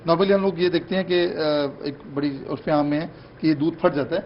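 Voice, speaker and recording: A man with a somewhat high voice, a guest chef walking through a recipe step by step. The studio sound is dull and carries a faint hiss. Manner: instructive, step-by-step. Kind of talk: explaining a recipe on TV.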